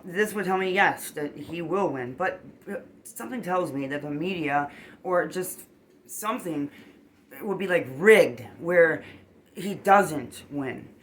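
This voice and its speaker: A tarot reader and astrologer giving a casual, animated reading that rambles and gets emotional, dropping "boom" and "okay?" along the way. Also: slow pace.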